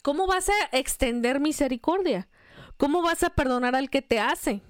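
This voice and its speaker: A woman's voice: high voice, animated, moderate pace, dry recording, studio quality. A woman co-hosting a faith podcast, reading a Bible passage aloud and talking about forgiveness in an earnest, preacherly way. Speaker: podcast co-host.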